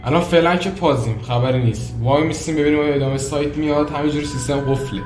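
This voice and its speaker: A man's voice: fairly high pitch, steady tone, a little mellow. A man with an Iranian Persian accent giving informal, off-the-cuff commentary as host of a casual reaction vlog. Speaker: video creator hosting a screen exploration. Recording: echoey room, music behind.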